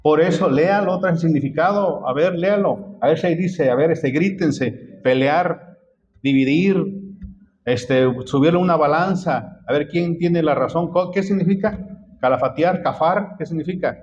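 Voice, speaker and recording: Man preaching, a bit high voice, dull lo-fi sound, questions the congregation. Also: normal speed, darkish tone. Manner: quizzes the congregation with repeated questions. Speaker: pastor. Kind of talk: sermon.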